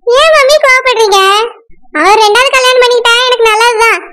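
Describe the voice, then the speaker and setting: A woman's voice: very high voice, fairly even intonation, a little fast, very noisy. A woman voicing a spoiled, stubborn young married daughter in a cartoon, with a whiny, complaining manner and a Tirunelveli Tamil accent. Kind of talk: cartoon voice acting.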